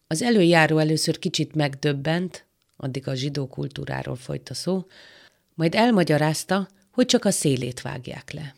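A woman reading a literary novel aloud as an audiobook narrator, in a calm, measured way. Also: low voice, creaky.

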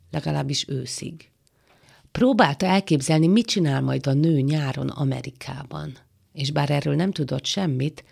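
A woman reading a literary novel aloud as an audiobook narrator, in a calm, measured way. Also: sits low, gravelly, slightly rough.

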